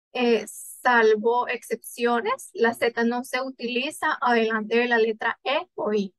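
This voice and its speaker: Woman student presenting grammar rules, kinda high voice, dry recording, reads word lists with pauses. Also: no echo, rough recording. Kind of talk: class presentation on spelling rules.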